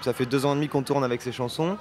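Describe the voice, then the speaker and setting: In a festival radio booth in front of a sponsor backdrop, a band's singer and lyricist in his thirties answers interview questions hesitantly, restarting often. He speaks very fast in a mid-range, darkish voice with fairly even intonation, into a handheld radio mic held by the host.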